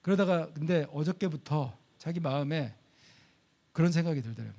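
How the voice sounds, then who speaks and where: A middle-aged man preaching, telling a personal story in an animated way and acting out the quoted dialogue with sudden jumps in pitch. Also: normal speed. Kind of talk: sermon storytelling.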